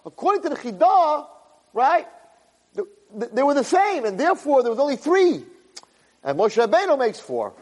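A man doing an eager, high-pitched student. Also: very animated, normal speed, long pauses, darkish tone. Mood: excited. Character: eager young student explaining. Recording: echoey hall.

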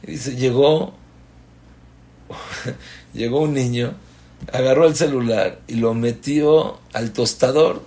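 A man's voice: mid-range voice, slow pace, pauses often, dark tone. A man, a rabbi giving a Torah class as a sermon, impassioned and asking strings of rhetorical questions.

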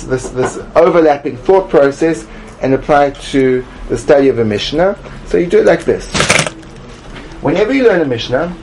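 A man teaching a Talmud study class, emphatic and animated, acting out little voices to make his points. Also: fairly high pitch, a little hiss or hum. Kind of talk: classroom lecture.

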